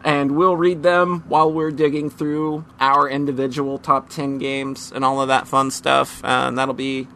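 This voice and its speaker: Bright-voiced man hosting a podcast. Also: medium pitch, level tone, normal speed, few pauses, a little hiss or hum. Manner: loose and rambling, full of ums and casual swearing. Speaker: podcast host. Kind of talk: casual podcast chat.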